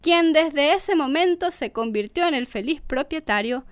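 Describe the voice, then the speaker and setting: A woman's voice: sits high, lively intonation, unhurried. A woman telling a folk tale expressively, repeating words for rhythm. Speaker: storyteller.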